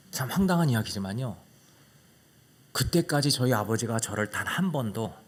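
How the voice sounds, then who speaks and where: A man preaching a sermon as a pastor, telling a personal story dramatically, asking the congregation questions and swinging from loud exclamations to hushed whispers. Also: mid-range voice, husky.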